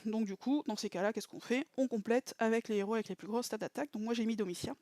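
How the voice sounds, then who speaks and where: A woman's voice: fairly high pitch, fast talker, darkish tone, no echo. A woman giving a casual game strategy breakdown. She hesitates now and then to recall details and repeats emphatic warnings.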